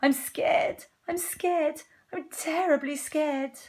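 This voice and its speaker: A woman voicing a timid, panicky male cook from a children's storybook, with drawn-out fearful wails. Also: sits high, pitched above the performer's own voice. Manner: wailing, drawn-out fearful cries. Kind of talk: children's storybook read-aloud.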